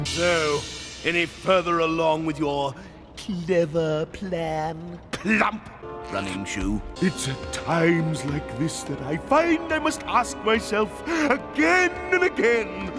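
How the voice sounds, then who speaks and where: A man voicing a pompous, scheming, short-tempered reptilian villain king in an animated cartoon, with a bombastic, imperious, exasperated delivery. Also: high-pitched, full character voice. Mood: weary sarcasm. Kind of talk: theatrical animated cartoon acting. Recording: cartoon soundtrack with loud music behind.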